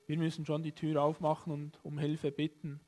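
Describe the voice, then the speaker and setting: A man preaching a sermon in a calm, plain way, retelling a story with small pauses and fillers. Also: on the high side. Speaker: pastor.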